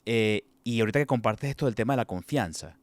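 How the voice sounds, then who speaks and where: A man's voice: on the low side, quick pace, dry recording. A man with a Venezuelan accent talking about fatherhood in a casual chat, often stumbling and repeating words. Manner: hesitant, repeats and restarts words. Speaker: father in a podcast conversation.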